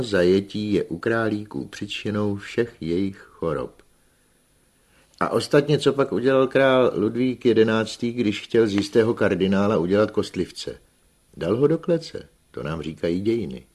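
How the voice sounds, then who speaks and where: A self-assured hunchback holds forth about his grand plans in a raised, insistent tone, as a male narrator puts him on. The voice is husky and fairly deep under the lift, with lecturing emphasis on every point. An audiobook reading. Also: a little mellow. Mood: emphatic. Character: pompous scheming middle-aged male hunchback rabbit breeder.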